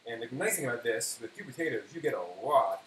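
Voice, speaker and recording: A man hosts a casual cooking segment, chatting and thinking aloud hesitantly as he works. His mid-range voice is expressive and quick. The room echoes, and there's a faint hiss.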